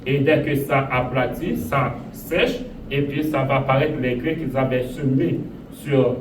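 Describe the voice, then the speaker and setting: Slow, echoey sermon from a man. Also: medium pitch. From Haiti. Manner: slow, repetitive preaching with emphatic rises. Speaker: pastor. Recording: echoey room, voice from a distance, audible noise.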